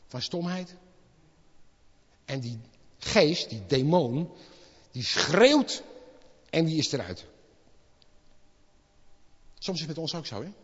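A man preaching a sermon in speech, impassioned and swinging from quiet asides to loud exclamations. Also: a little high, slightly rough. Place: church hall. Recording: lo-fi with long hall reverb.

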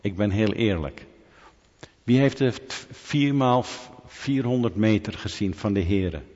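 A pastor preaching a sermon, telling lively stories with humorous asides and questions to the congregation. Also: male voice, lowish voice, a little slow, in a large hall, highs cut off.

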